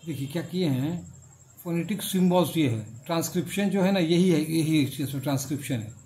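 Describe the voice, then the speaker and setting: A man's voice: on the high side, mellow. A middle-aged man teaching a phonetics lesson, repeating and drawing out each word as he explains it. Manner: slow, repetitive, drawn-out explanations. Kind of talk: classroom lecture on phonetics.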